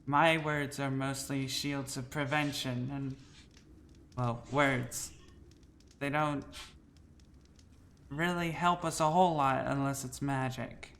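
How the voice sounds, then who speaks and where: A man's voice: mid-range voice, steady tone, takes it slowly, pauses often, a bit bright, a little hiss or hum. A man playing a tabletop role-playing game, narrating his character's actions and speaking her lines. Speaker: player.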